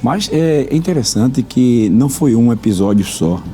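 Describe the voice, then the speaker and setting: A pastor hosting a religious talk program preaches fervently, repeating phrases for emphasis. His voice is medium-pitched, expressive, unhurried and dark, with soft music in the background.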